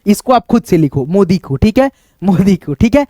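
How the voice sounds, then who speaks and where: A man's voice: high voice, big pitch swings, moderate pace, mellow, no room sound, clean studio sound. A male teacher giving a patient, step-by-step spelling lesson, checking in often with his students as he writes and explains. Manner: patient, repeats "ok" and "friends" as he goes; thinks aloud while writing on a board or screen. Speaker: English teacher.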